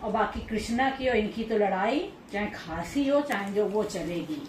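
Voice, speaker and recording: A woman talking to her pet dogs in casual baby talk while she films, coaxing and scolding them gently and laughing often. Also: mid-range voice, lively intonation, moderate pace, recorded from a distance. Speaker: pet owner vlogger. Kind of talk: casual vlog, talking to pets. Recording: echoey room, voice off-mic, faint noise.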